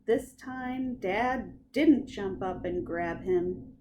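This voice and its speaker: A woman librarian reading bedtime stories aloud with expressive, animated storytelling. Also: medium pitch, extremely slow, a little hiss or hum.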